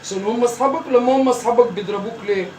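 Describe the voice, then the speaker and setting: A nagging, teasing old grandmother with an Egyptian accent, played by a performer, scolding the kids in a comic sketch. She talks fast and keeps repeating herself. The voice sounds roomy and distant, with faint noise underneath. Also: mid-range voice, a little mellow, close to an everyday voice. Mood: bossy teasing. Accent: Egyptian Arabic.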